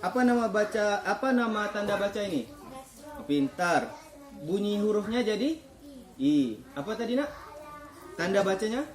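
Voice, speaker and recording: A man's voice: high-pitched, sing-song, normal speed, long pauses. Patient male teacher in an echoey classroom. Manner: patient, quizzing children and praising answers. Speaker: Quran reading teacher for children. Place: classroom with children.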